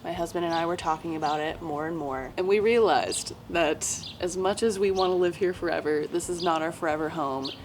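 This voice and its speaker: A young woman, chatting bubbly and fast about her kitchen renovation in a casual home vlog. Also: lowish voice, a little hiss or hum. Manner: bubbly, chatty, laughs often. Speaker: vlogger.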